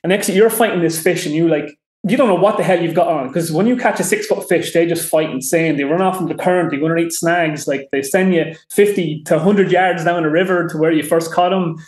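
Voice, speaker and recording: A man with an Irish accent, a podcast guest telling fishing stories in a rambling, animated way with many fillers. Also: fairly high pitch, fairly quick, roomy sound. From Ireland. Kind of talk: casual chat.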